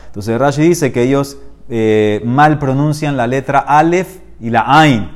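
A man teaches a Talmud class, reading Aramaic passages and explaining them in Spanish. He is animated, and his pitch rises when he stresses points.

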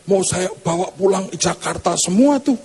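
A man's voice: sits high, animated, moderate pace, darkish tone, husky, voice pushed up, exaggerated voice. A man voicing a boastful rich woman churchgoer who brags chattily about her shopping trip. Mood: bragging. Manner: showy, name-dropping, chatty boasting. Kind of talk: comic sermon anecdote.

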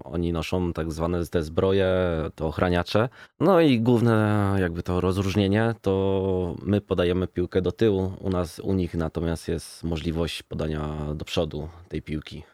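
Very deep-voiced young man, matter-of-fact. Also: unhurried, a little mellow, no room sound, clean studio sound. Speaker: rugby player, guest. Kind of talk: radio interview.

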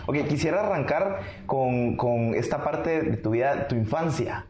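Podcast host, upbeat and quick to laugh, mid-low voice, recorded in an echoey room. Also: animated. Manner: upbeat, laughs often, warm affirmations. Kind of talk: casual interview hosting.

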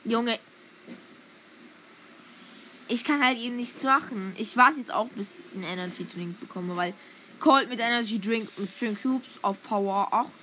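Excitable young woman commenting on gameplay. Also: a little high, unhurried, long pauses, a little hiss or hum. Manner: excitable, shrieks and laughs at game moments. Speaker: gaming streamer. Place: home room with vacuum cleaner in background.

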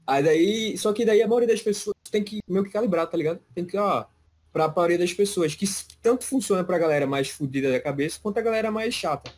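A young man with a somewhat high voice talks loosely in casual chat. He rambles in slang and restarts his thoughts often. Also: a little fast, a little mellow.

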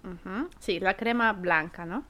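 A woman co-hosting a casual podcast, speaking in a measured way with soft agreeing murmurs. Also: medium pitch. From Chile. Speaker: podcast co-host. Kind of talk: casual chat.

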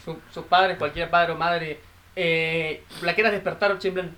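A man's voice: on the high side, fairly even intonation, background noise. A young man chatting casually with friends, rambling and joking. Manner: rambling, joking, quick-talking. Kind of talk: casual chat among friends.

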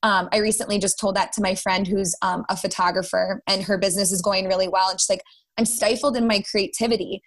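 A woman's voice: mid-range voice, level tone, fast, few pauses, fairly bright tone. A woman with a Minnesota accent speaking as a podcast guest, casually and earnestly, addressing listeners directly. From Minnesota, United States. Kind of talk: casual, earnest conversational storytelling and advice.

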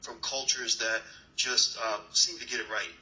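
A man's voice: medium pitch, fairly even intonation, normal speed, pushed and bright, highs cut off. A man hosting an online class and interviewing a guest over a video call, talking earnestly with many fillers and restarts. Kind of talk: motivational talk and interview. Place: new location, dim room.

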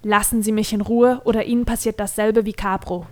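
A woman's voice: medium pitch, steady tone, brisk, lightly acted. A woman voicing an irritable young man who answers in a curt, clipped way. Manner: curt, rising to anger.

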